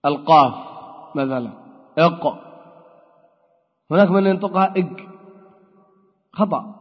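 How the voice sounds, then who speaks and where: A man's voice: sits high, moderate pace, husky. A man teaching Arabic grammar in a classroom lecture, explaining step by step and asking and answering his own questions. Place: lecture hall. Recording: dull, long-echo hall recording.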